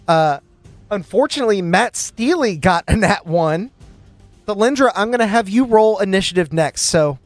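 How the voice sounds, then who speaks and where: A man narrating a live-streamed tabletop game as game master, chatty and quick to laugh, with lots of fillers. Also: sits high, lively intonation, dry recording, soft background music.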